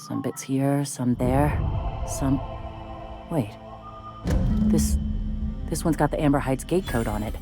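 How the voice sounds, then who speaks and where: A man's voice: mid-range voice, takes it slowly, long pauses, over music. An actor playing a loyal male crewmate in a video game, speaking in a hurt, earnest way. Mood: curious. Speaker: companion character. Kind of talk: game character dialogue.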